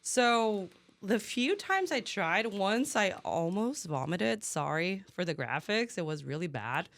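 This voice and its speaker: A Brazilian woman in her thirties, a native Portuguese speaker and head brewer, is a podcast guest who talks candidly and laughs often in casual conversation. Her medium-pitched voice is sing-song, gravelly, a bit bright, and a little slow.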